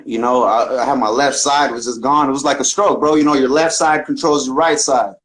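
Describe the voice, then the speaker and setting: This podcast guest, a talkbox player from the Bay Area, has a brisk, slightly bright mid-range voice with a steady tone and a Northern California accent. He recounts his story earnestly and casually in loose street slang, over a little hiss or hum.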